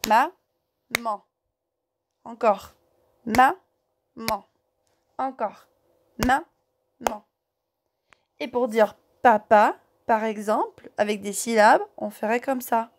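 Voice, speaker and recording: A woman teaching a workbook lesson to young children, speaking slowly, repeating words and syllables and checking in with "ok?". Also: on the high side, a little mellow, a little hiss or hum.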